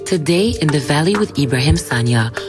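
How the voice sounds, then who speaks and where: A woman's voice: low voice, lively intonation, a little fast, over music. A woman giving a scripted podcast introduction. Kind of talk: scripted narration.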